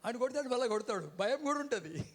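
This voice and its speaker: A man's voice: extremely high pitch, lively intonation, fast. A man preaching a sermon from a church stage, calling out to the congregation and having them repeat words back. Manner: keeps calling out "hello" to the crowd. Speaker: guest preacher. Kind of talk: sermon with call-and-response.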